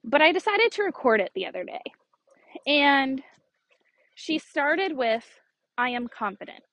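A woman's voice: high-pitched, very animated, unhurried, a bit bright, dry recording, rough recording. A woman in her thirties hosting a solo podcast in a chatty, earnest and encouraging way, with small laughs. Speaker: podcast host. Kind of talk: casual solo podcast talk.

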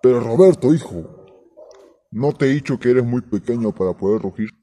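A man voicing a big, proud father lion in a children's audio story, speaking warmly and reassuringly. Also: medium pitch, normal speed, slightly rough, close to an everyday voice. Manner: warm, reassuring.

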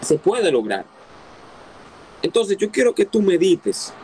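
A man's voice: sits high, big pitch swings, slow pace, darkish tone, a little hiss or hum, poor audio. A man preaching a sermon, emphatic, repeating key phrases and asking his listeners rhetorical questions.

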